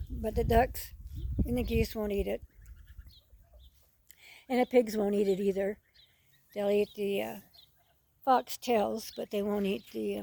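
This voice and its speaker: A woman with a slightly high, creaky, mellow voice narrates a farm video outdoors among poultry, with a little hiss or hum on the recording. As a farm vlogger filming her animals, she rambles casually and unscripted in a folksy way, repeating herself.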